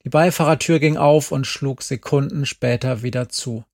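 A man reading a first-person story aloud, calm and measured. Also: mid-range voice, dry recording, clean studio sound. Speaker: audiobook reader. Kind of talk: scripted first-person narration.

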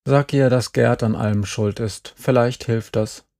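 A bitter teenage girl in an audiobook who speaks flatly and cuttingly, as a man reads her lines. The voice is gravelly and sits at an ordinary pitch, matter-of-fact even when the words hurt. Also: measured pace. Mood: cold. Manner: flat, cutting delivery. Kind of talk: audiobook character reading.

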